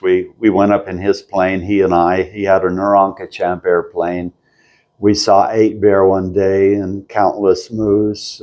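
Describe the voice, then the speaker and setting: An older man telling his story as an interview guest at a convention, slow and halting, often stopping to clear his throat. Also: on the low side, darkish tone, muffled recording. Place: convention floor.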